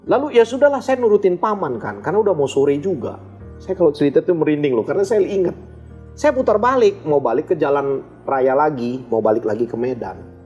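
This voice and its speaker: Animated man telling his story. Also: on the high side, brisk, muffled recording, faint music behind. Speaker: interview guest. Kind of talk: emotional personal storytelling.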